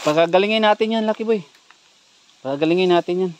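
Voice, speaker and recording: High-voiced, urgent ghost hunter. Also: male voice, quick pace, a little hiss or hum. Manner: urgent, tense commands directing companions. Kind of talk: ghost-hunting vlog narration. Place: outdoors in a forest at night.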